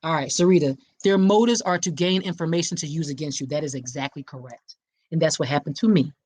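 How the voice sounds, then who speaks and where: Animated Philly woman hosting a podcast. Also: deep voice, fast, husky, no echo. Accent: Philadelphia. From Philadelphia, USA. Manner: animated, talks directly to listeners, emphatic. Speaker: podcast host. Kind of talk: book discussion podcast.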